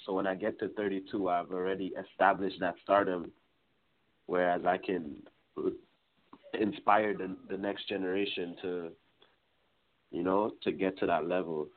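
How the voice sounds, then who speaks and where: A young man in his twenties from Trinidad and Tobago, talking casually as a musician guest in an interview, relaxed and rambling. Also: sits low, a little slow, long pauses. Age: 20s. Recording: tinny phone-like line.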